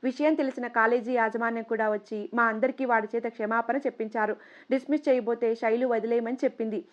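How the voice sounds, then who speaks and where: A woman narrating a first-person story in a steady, even reading voice. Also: on the high side, quick pace, lo-fi sound.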